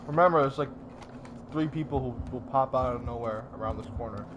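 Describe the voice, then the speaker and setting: A man's voice: mid-range voice, fairly quick, dull audio, noisy background. A young man chatting casually as he co-commentates a video game. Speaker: let's play co-commentator. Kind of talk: casual gameplay chat. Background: video game music and sounds.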